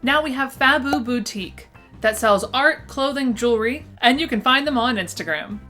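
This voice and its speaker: An animated woman with a high, pushed, bright voice reads out a scripted vintage shop roundup to camera at normal speed. Her s comes out slushy due to a lisp, and music plays behind her upbeat narration.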